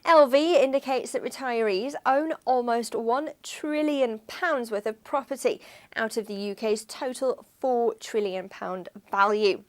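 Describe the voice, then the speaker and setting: A woman reading a scripted news-style voice-over for a finance firm in an even, measured way. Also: a little high. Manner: even, measured read of figures.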